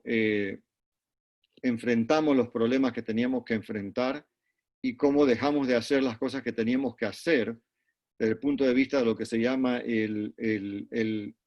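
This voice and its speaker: A middle-aged man from Panama, a neurologist, answering interview questions over a video call in a measured way, with frequent restarts and repeated words. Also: mid-range voice, a little mellow. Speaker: neurologist and guest. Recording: dull lo-fi call audio.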